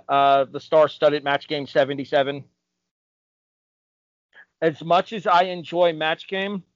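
A man in his thirties co-hosts a casual podcast panel debating game shows, arguing his points emphatically and with strong opinions. His voice is a little high, and the recording is dull, dry and lo-fi.

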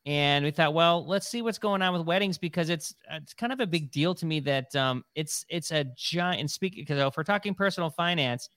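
A man's voice: fairly high pitch, normal speed, hardly any pauses, a bit bright, dry recording. A middle-aged man hosting a podcast, talking in a rambling, chatty way with many fillers. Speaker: podcast host. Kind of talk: casual podcast chat.

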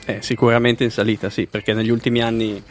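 A man's voice: medium pitch, flat delivery, quick pace, faint music behind. A man answering interview questions as an expert guest in a methodical, explanatory way. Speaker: guest aesthetic medicine practitioner.

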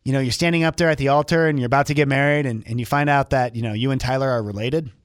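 A woman's voice: very deep voice, fairly even intonation, racing, no room sound, clean studio sound. A woman co-hosting a casual chat, asking playful, teasing questions.

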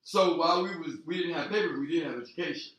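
A man's voice: fairly high pitch, quick pace, fairly bright tone, distant mic, highs cut off. A middle-aged man from Florida, talking casually and explaining his points at length. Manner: talkative, argues with long explanations. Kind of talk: casual podcast banter. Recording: echoey room, off-mic.

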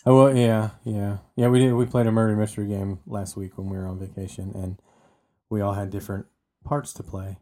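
A man's voice: lowish voice, level tone, brisk, mellow. A man co-hosting a casual true-crime podcast, chatty and often repeating words as he restarts. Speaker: podcast co-host telling the story.

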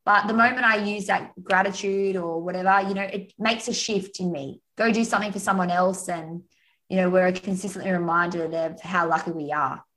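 A woman from Australia with an Australian accent, a podcast guest telling stories in a chatty, animated way over a remote call. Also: lowish voice, normal speed, low-quality recording. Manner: chatty storyteller, animated, frequent "you know" and "like". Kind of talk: casual podcast conversation.

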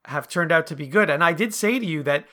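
A man's voice: fairly high pitch, expressive, fast, sharp tone. A man co-hosting a casual sports podcast, teasing and playful, sounding just woken up. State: just woke up. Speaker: podcast co-host. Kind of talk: casual chat.

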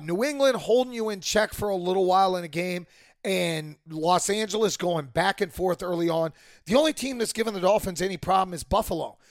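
A man hosting a sports podcast with emphatic, opinionated football commentary, his voice hoarse from a cold. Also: sits high, dry recording, clean studio sound. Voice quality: hoarse, worn voice.

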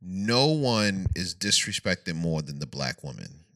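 A man's voice: deep voice, big pitch swings, unhurried, a bit bright, no room sound, clean studio sound. Laid-back man podcast co-host. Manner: laid-back, laughs often. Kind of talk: casual chat.

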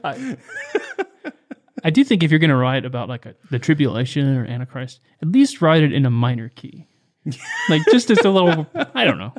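A man with a fairly high voice co-hosts a comedy podcast, relaxed and joking, trailing off with hesitant fillers as he talks. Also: moderate pace. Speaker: podcast co-host. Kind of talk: casual comedic chat.

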